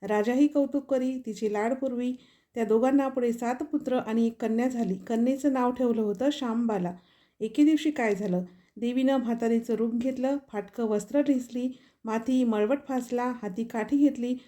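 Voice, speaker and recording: Mellow-voiced woman reading a devotional tale. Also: a little high. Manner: steady, measured storytelling. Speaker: storyteller.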